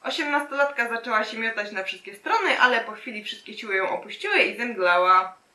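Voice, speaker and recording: A woman's voice: a little high, a little fast, recorded from a distance. Sarcastic young woman reading fanfiction aloud. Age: 20s. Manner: reads aloud, then drops in deadpan sarcastic asides. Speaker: channel host. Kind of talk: comedic reading of fanfiction with commentary. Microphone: camera mic at a distance. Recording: roomy, recorded away from the mic.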